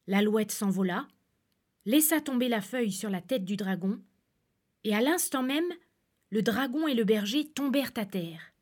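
A woman calmly reading a fairy tale aloud as storyteller. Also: on the high side, moderate pace.

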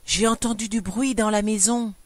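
A woman reading a story aloud, voicing a scornful, nagging middle-aged wife in a shrill, scolding voice. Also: fairly even intonation, moderate pace, no echo, natural voice. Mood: frightened.

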